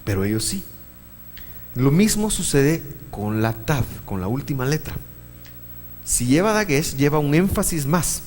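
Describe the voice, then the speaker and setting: A man lecturing a church class at an unhurried pace, explaining each point patiently and putting questions to the room. His voice carries a long hall reverb over a faint background hum. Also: a little high, big pitch swings, darkish tone. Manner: patient, explains step by step and quizzes the audience. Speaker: Bible class teacher.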